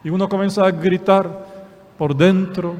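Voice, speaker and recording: A man gives a Sunday homily in a church, speaking very slowly, with a voice a little higher than most men's. He repeats phrases and poses rhetorical questions as he preaches. A long reverb trails each phrase. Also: steady tone, a little mellow. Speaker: priest.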